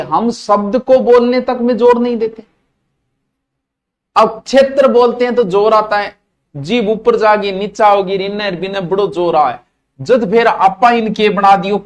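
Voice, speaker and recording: A middle-aged man with a Rajasthani accent giving a casual, jokey classroom lecture, slipping into Marwari asides. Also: high-pitched. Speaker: teacher.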